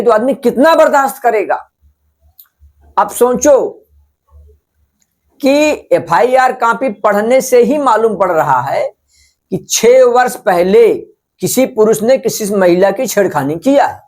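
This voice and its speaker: A man's voice: high voice, a little mellow. A man giving spoken opinion commentary as a channel host, scolding and rhetorical, repeating phrases for emphasis.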